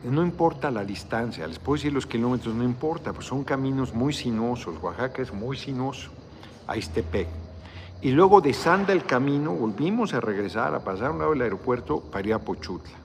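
A man's voice: medium pitch, animated, brisk, a little hiss or hum. A tired middle-aged man with a Mexican accent, chatting casually on a livestream, rambling, cursing and reading out viewer comments. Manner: rambling, salty slang, reads viewer comments aloud. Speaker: politician hosting a live video chat.

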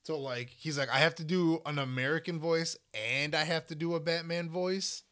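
Brief: young male co-host, bright tense tone, slightly high, loose filler-heavy chatter. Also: steady tone, normal speed, clean tone. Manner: rambling, filler-heavy, swears when worked up. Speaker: podcast co-host. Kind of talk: casual chat.

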